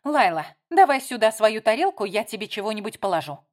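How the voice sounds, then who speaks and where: A woman reading aloud voices a tired hostess who tries to calm the table. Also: mid-range voice, a little fast, close to an everyday voice. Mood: placating. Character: weary peacemaking hostess woman.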